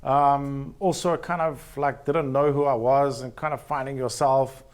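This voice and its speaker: A man's voice: mid-range voice, steady tone, measured pace. A man hosting a talk show, asking his guest questions and sharing his own stories in a casual, relating way. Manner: friendly, relating, asks questions. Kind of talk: casual interview chat.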